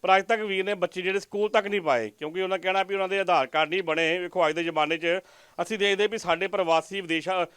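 A man's voice: sits high, steady tone, quick pace, fairly bright tone, clean tone, dry recording. A man with a Majhi Punjabi accent reporting from a village, interviewing a poor family and earnestly pleading with viewers. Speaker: news reporter. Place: village outdoors.

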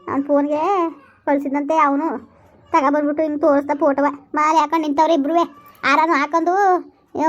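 A woman playing a loud, bitter village woman in a comedy skit, scolding and wailing. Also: high-pitched, muffled recording, close to an everyday voice. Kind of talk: rural comedy skit acting.

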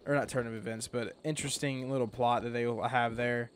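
A man's voice: mid-range voice, steady tone, a little fast, slight background noise. A man giving casual, rambling gameplay commentary, sleepy and yawning, correcting himself often. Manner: rambling, many fillers and restarts, self-correcting. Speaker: gaming commentator.

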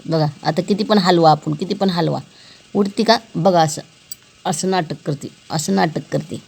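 A woman's voice: lowish voice, normal speed, creaky, darkish tone, slightly rough. Woman teasingly chatting about her cat. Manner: playful, teasing, repeats words over and over; asks the viewers questions directly. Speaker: pet vlogger. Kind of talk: casual chat to viewers about her cat.

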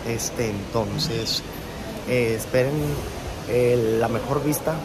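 A young man speaks slowly in a medium-pitched voice, casually narrating a travel vlog as he films himself at a beach resort. He addresses his viewers as friends in a relaxed, chatty way, using a phone camera held at arm's length that captures outdoor wind and sea noise.

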